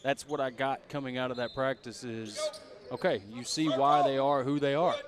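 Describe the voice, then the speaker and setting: A man's voice: mid-range voice, fairly even intonation, normal speed. A man giving basketball color commentary, emphatic and full of praise for the players. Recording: loud arena crowd behind. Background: crowd noise, basketball bounces.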